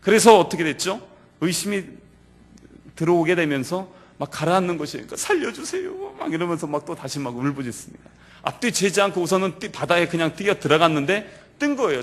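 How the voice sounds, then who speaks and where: A male pastor preaching to a youth service in a church, telling the story vividly and swinging between loud and quiet. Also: fairly high pitch. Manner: animated storytelling that acts out quoted lines. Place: church sanctuary.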